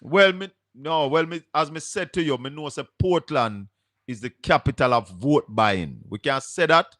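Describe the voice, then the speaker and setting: A Jamaican man runs a live call-in show, talking in brisk, direct patois. His voice has a bright, forward edge, and it sounds dry and close to the mic. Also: a little high, no echo. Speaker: radio call-in show host.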